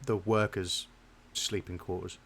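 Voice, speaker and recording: A man's voice: low-pitched, flat delivery, a little slow, gravelly, a bit bright, husky. A man narrating a tabletop game as game master, loose and chatty with asides.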